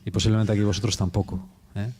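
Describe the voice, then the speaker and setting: Male preacher, Spain Spanish accent, lowish dark voice, chatty informal sermon delivery. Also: flat delivery, fast, husky. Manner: informal, chatty storytelling with slang. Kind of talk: conversational sermon.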